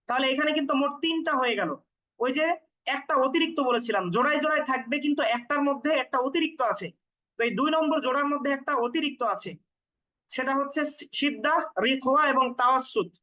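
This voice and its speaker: A woman teaches recitation in a patient explanatory lesson. Her voice sits high and bright. She repeats each term and sounds out letters to demonstrate. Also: rough recording.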